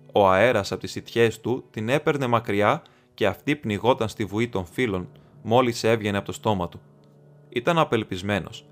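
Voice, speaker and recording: A man from Greece reading an audiobook aloud in a steady, measured narration. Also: medium pitch. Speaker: audiobook reader. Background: faint music.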